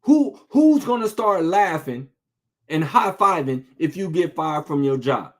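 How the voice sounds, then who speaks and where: A man preaching an informal sermon, reading scripture slowly and talking to listeners in a street-casual way, full of rhetorical questions. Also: fairly high pitch, expressive. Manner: reads scripture slowly and deliberately.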